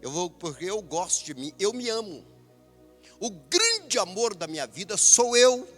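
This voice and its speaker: A male pastor with a Brazilian accent preaching a sermon, emphatic and animated, laughing often. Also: high voice, measured pace, soft background music. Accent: Brazilian Portuguese.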